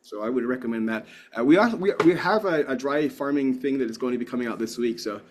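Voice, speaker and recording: Speaking quickly in a mid-range voice, this man delivers a keynote and fields questions from the audience, with a little noise in the background. His manner is sincere and meandering, full of restarts.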